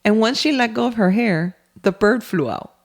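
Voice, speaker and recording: A woman co-hosting a casual podcast, telling family stories in an animated way and laughing often. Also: on the high side, moderate pace. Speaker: podcast co-host. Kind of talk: casual chat.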